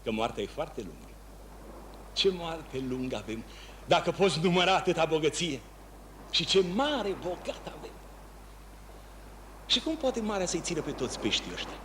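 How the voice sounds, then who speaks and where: A man's voice: on the high side, a bit bright. An actor playing a lonely fisherman who talks to himself, musing aloud and breaking into long calls. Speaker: actor in a one-man stage play. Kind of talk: theatrical monologue. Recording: noisy ambient background.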